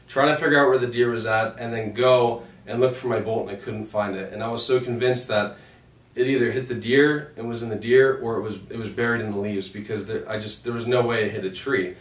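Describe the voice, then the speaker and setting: A man casually narrating his own hunting footage, telling it as a personal story. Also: medium pitch. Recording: roomy, distant microphone.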